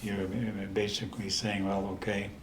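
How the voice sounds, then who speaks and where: This is an older Dutch man, in his eighties, sharing stories as a guest in a relaxed interview. His very low voice is flat and even, and his slow speech is halting, with frequent pauses and restarts. The echoey room has faint ambience, and the background is noisy.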